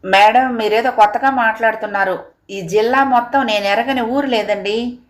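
A woman's voice: fairly high pitch, moderate pace, lightly acted. Woman reading courteous taxi driver, deferential, storybook audio. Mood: polite. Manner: polite, deferential. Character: polite village taxi driver, man.

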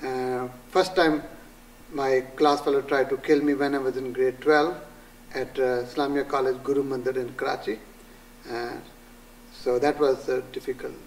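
An older man with a Pakistani accent, a pastor being interviewed, speaking earnestly with many halting pauses as he recounts and quotes scripture. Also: medium pitch, flat delivery, distant mic, slight background noise, rough recording. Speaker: pastor, guest. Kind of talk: interview answers. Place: small studio room with green wall.

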